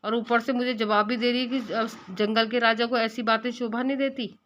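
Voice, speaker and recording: A grumpy male lion, king of the jungle in a children's storybook, scolding and threatening, as a woman teacher reads him. The voice stays close to her own and sits a bit high. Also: measured pace, a bit bright, highs cut off, a little hiss or hum. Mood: angry, threatening.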